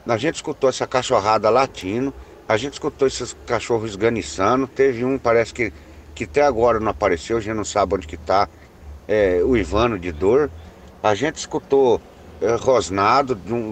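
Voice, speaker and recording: A man's voice: on the low side, slight background noise, lightly acted. A man voicing a frightened, pious older farm woman who is near tears.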